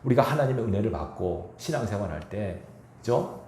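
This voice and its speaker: A male pastor preaching a sermon, animated, acting out quoted speech and asking the congregation questions. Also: on the low side, a little fast, echoey room, a little hiss or hum. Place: church sanctuary.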